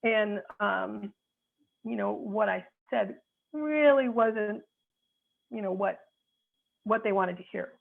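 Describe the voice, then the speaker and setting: She takes it slowly, with long pauses, in a gravelly medium-pitched voice. A North Chicago attorney in her sixties, she offers frank, sincere, reflective advice while searching for words, and the recording sounds tinny, like a phone call.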